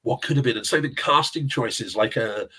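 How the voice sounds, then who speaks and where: A middle-aged interview guest with a South London accent speaks at a moderate pace in a medium-pitched voice that is bright, forceful and slightly rough. This English casting director and actor rambles through film-industry anecdotes in easygoing conversation, often laughing and sometimes swearing.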